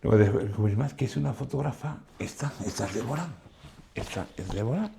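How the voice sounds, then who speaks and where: Older Spanish man, low gravelly voice, lively raconteur in relaxed chat. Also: a little fast, background noise. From Spain. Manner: animated storyteller acting out quoted dialogue. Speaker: guest photographer. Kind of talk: casual conversation.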